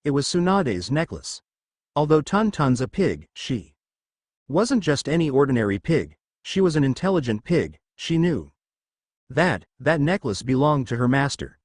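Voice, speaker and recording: A man narrating a fan-fiction story in a steady storytelling read. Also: mid-range voice, unhurried, no room sound, studio quality.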